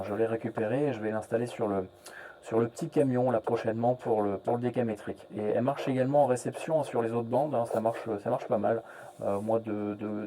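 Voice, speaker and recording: An amateur radio operator hosting a relay network chats casually during a radio contact. His voice is very dark and mellow at medium pitch, and he sounds hesitant, repeating words and trailing off with "hein" and "voilà."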